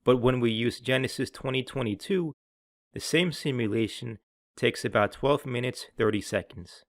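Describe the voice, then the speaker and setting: A man presenting a technical tutorial reads instructional narration at normal speed, explaining things in an orderly manner. His pitch falls in the middle of the male range, and the recording is dry, with no echo.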